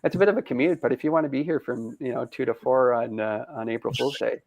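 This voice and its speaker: A brewery founder chatting casually in an interview, upbeat and rambling, laughing often, over a video call. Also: male voice, medium pitch, fast talker, a little mellow, dry recording. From Canada. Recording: dull lo-fi video call audio.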